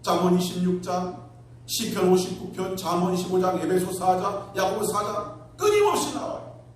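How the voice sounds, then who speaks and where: A man's voice: high-pitched, monotone, moderate pace. A male pastor preaching a sermon to his congregation, telling a story with acted-out quotes and building to emphatic peaks. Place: church sanctuary. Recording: echoey hall from far off, faint room noise.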